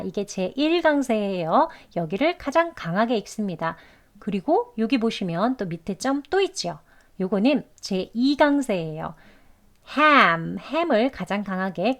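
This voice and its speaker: A woman teaching English pronunciation in a patient lesson. She models each word slowly and stresses the sounds clearly. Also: mid-range voice.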